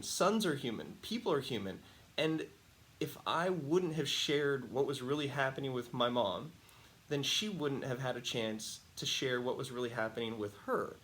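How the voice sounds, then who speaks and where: A man speaks straight to the camera in an easygoing monologue, with a voice of ordinary, middling pitch. He tells his stories in a lively, animated way and breaks into laughs often. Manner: animated, chatty storytelling with frequent laughs. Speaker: host. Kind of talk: casual talking-to-camera monologue.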